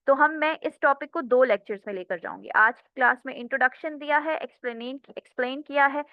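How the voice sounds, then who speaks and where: Female teacher, higher voice, lecture delivery, dry close sound. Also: dry recording, highs cut off. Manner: explains step by step, often checks in with the class. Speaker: English teacher. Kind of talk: classroom lecture mixing Hindi and English.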